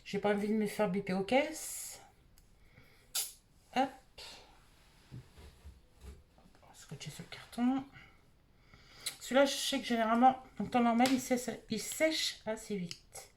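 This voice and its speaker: A woman's voice: fairly high pitch, moderate pace. A married woman from France, casually reviewing beauty products she bought and thinking aloud with lots of fillers. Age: adult, married. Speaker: beauty vlogger.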